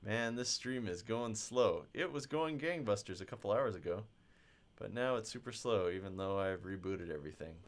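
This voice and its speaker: A man teaching physics on a casual livestream, chatting and muttering to himself about a slow stream while he works through homework questions. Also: lowish voice, lively intonation. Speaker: physics instructor.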